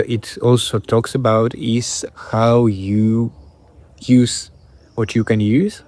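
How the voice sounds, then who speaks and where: A man from Belarus with a Belarusian accent talks casually to camera as a creator, pausing and repeating phrases while he searches for words. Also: medium pitch, a little mellow, no room sound. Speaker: video creator and host.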